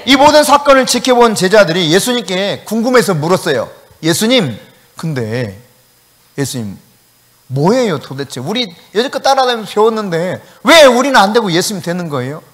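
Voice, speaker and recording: A male pastor preaching a sermon, telling a story with acted-out dialogue and sudden shouted commands. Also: sits high, sing-song, normal speed, in a large hall. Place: church sanctuary.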